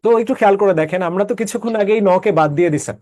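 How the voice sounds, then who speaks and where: High-voiced man teaching a class. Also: very fast, a little mellow, no room sound, clean studio sound. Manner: explains step by step, checks understanding with questions. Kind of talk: online class lecture.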